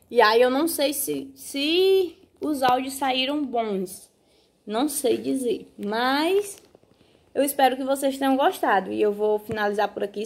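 A woman, chatting casually to her viewers on a phone video, often checking in with them and repeating herself. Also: a little high. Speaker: vlogger. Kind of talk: casual vlog talk to viewers. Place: countryside home.

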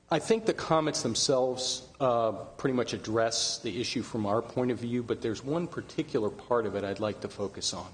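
Halting middle-aged man testifying at hearing. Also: fairly low pitch. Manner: earnest, halting with many fillers and restarts. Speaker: public hearing speaker. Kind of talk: public testimony. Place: county meeting chamber. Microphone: desk microphone.

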